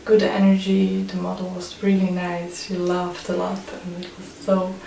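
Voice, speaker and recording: Fairly low and creaky, her voice is delivered completely flat at a normal speed. The Swiss photographer, who grew up with German and French, speaks hesitant English with a Swiss accent in a casual vlog manner, and the recording sounds roomy, distant-miked, with faint noise.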